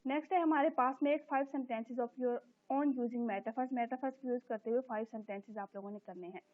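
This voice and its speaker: A woman's voice: fairly high pitch, fairly even intonation. Woman teacher on a tinny line. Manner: explains step by step, repeats words slowly and checks with a recurring "theek hai". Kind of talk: recorded classroom lesson explaining English grammar. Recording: tinny phone-like recording.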